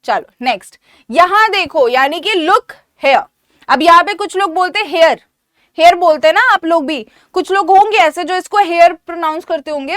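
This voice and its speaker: A woman, teaching everyday English phrases in Hindi and repeating each phrase slowly for practice. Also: very high-pitched, fairly bright tone, no echo, studio quality. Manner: slow, drilled repetition of phrases. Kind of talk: Hindi-language English lesson.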